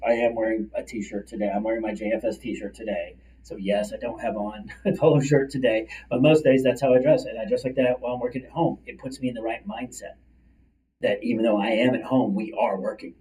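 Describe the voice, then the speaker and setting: A middle-aged man, talking fast and chatty as a career coach hosting a livestream from his office. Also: medium pitch, dark tone. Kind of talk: casual livestream coaching talk. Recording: distant mic, slightly far-off sound.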